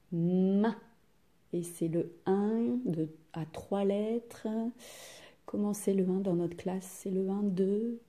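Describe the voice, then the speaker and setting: A woman teaching a spelling lesson to young children, patient and deliberate, sounding out each syllable. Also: medium pitch, phone-quality sound. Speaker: primary school teacher.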